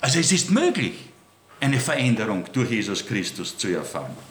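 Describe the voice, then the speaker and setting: Man, sermon, very animated pitch, echoey hall. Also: moderate pace. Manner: lively, dramatic, acts out dialogue with God. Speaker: preacher. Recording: echoey room, faint ambience.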